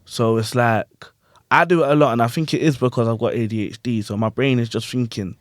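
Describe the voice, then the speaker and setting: A man's voice: mid-range voice, a little fast, no room sound, studio quality. A man hosting a podcast and chatting casually about performing, full of slang and check-ins with his guests. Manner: animated, slangy, repeats "you get what I'm saying". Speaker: podcast host and grime MC. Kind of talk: casual chat.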